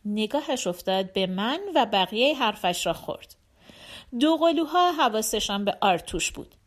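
A woman narrating an audiobook in a lively, expressive way. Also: mid-range voice.

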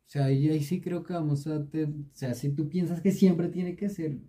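A man's voice: on the high side, steady tone, normal speed, dark tone. A man co-hosting a casual podcast, swearing freely and arguing his point with lots of repeats. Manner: crude joking, argumentative, repeats himself. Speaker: podcast co-host.

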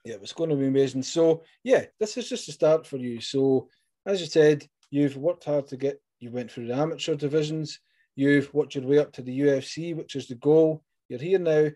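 Scottish man, mellow voice. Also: on the high side, moderate pace. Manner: chatty, encouraging, rambling questions. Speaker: interviewer. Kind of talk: sports interview.

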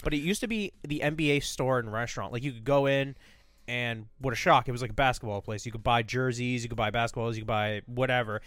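A man's voice: medium pitch, fast talker, a bit bright, no echo. A young man co-hosting a podcast in casual chat, telling rambling stories full of "like" and "dude" and swearing freely. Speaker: podcast co-host.

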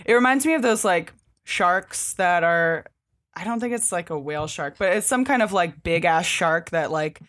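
Chatting enthusiastically about a comic on a podcast she co-hosts, this woman has a lowish, fairly bright voice with lively intonation and normal speed. Her language is loose and full of swearing.

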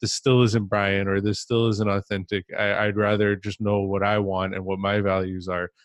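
Low, flat-voiced man hosting a podcast. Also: normal speed, dry recording. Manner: reflective, rambling with many restarts. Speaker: podcast host. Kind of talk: casual podcast conversation.

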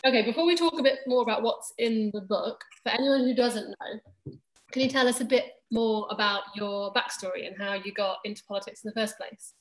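A woman journalist hosting a live online interview. Her voice is slightly higher and her questions are friendly and loose, dotted with a casual "like". The room around her sounds echoey. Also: a little fast. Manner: friendly, conversational questions with frequent "like". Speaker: journalist interviewer, event host. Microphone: video call.

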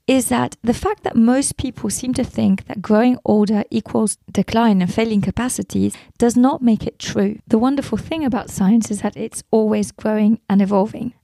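A woman hosting a motivational podcast alone, talking earnestly from a script, her voice roughened by a recent cold. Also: medium pitch, mellow, no echo, studio quality. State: recovering from a cold, voice affected. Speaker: podcast host. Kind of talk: scripted solo podcast monologue.

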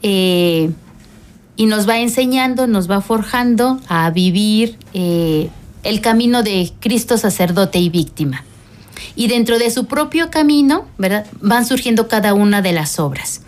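Middle-aged woman, religious sister, radio interview guest, calm and explanatory, even pitch. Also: a little slow. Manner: calm, explanatory, frequent fillers.

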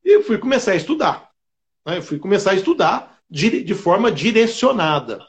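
A man's voice: sits high, normal speed. A middle-aged man from Brazil, a state attorney, telling a personal story in an interview, often adding "né". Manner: animated, fills with "né" often.

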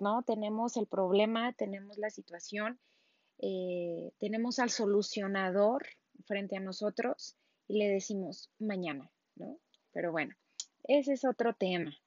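A woman preaches in an easy, conversational way, often tossing in little tag questions. Her voice sits at an ordinary middle pitch. The recording is dry and a little muffled. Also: darkish tone, dry recording. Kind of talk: casual sermon.

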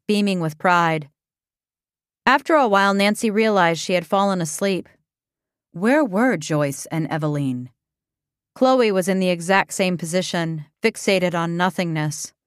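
A woman reading an audiobook in a steady, measured storytelling voice on a close microphone. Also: on the low side, smooth, no echo. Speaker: audiobook narrator. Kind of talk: scripted narration.

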